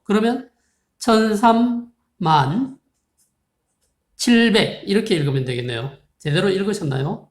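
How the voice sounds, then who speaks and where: A patient math teacher walks viewers through a lesson at an unhurried pace, reading numbers out digit by digit. The speech is polite and formal, often pausing to ask a question. The voice sits at a middle pitch and carries a roomy echo. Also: darkish tone. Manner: slow, patient explaining, reading digits out one by one. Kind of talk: recorded video lesson. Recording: roomy, echoey room sound.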